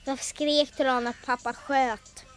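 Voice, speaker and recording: A woman's voice: high-pitched, fairly even intonation, soft background music, lightly acted. An actress playing a blunt, pleading young girl, the daughter of a policeman. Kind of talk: film drama acting.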